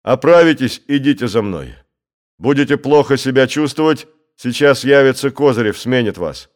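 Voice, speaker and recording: A man's voice: medium pitch, lively intonation, natural voice. Man reading as a cheerful submarine engineer. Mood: reassuring. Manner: brisk, upbeat orders.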